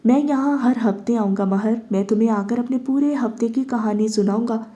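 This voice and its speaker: Woman reading a calm, cruel avenging man, mellow dark tone. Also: on the high side, lo-fi sound, natural voice. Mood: cold menace. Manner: cold, measured, cruel. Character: cold vengeful husband, grown man.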